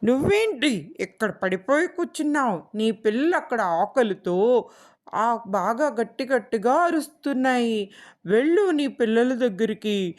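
A woman voicing an eager, restless, always-hungry female squirrel in a children's storybook, in a brisk plain voice. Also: fairly high pitch, lively intonation. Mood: urgent.

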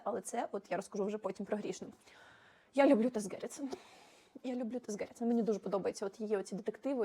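Young woman chatting about books really fast, animated, lots of asides, sitting on the floor at home. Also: on the high side. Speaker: book vlogger. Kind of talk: casual book review.

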